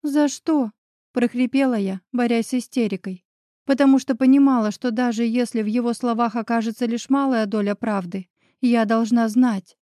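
A woman reads a first-person romance novel aloud, with an expressive, dramatic delivery. Her voice sits somewhat high. The recording is close and dry, with almost no room. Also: a little fast, no room sound. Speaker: audiobook narrator.

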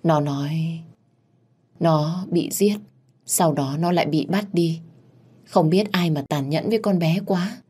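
Woman doing sly young wife faking fear, pleading, low voice. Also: measured pace, long pauses, dark tone, husky. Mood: fake dread. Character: cunning young wife feigning ghostly fear.

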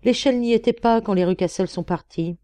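A woman's voice: medium pitch, fairly quick, warm tone, no room sound, pitched above the performer's own voice, natural voice. A woman voicing a startled young governess protesting in an audiobook. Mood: alarmed.

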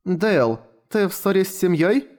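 Man voicing a shy demon girl, high voice, lively intonation, audiobook. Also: normal speed. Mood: worried. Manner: timid, soft-spoken. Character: sweet little demon girl, shy and polite.

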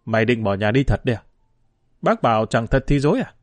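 A man voicing a gruff but kindly older woman who sells sugarcane, scolding in quick bursts. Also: mid-range voice, expressive, dry recording, lightly acted.

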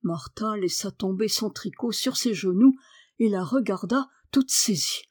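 A woman reading a novel aloud in an even storytelling manner. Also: mid-range voice, measured pace, slightly rough, no echo, clean studio sound. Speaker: audiobook reader.

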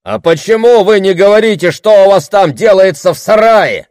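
A man voicing an irritated male villager who shouts questions from a crowd. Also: high-pitched, expressive, moderate pace, no echo, studio quality, pitched above the performer's own voice.

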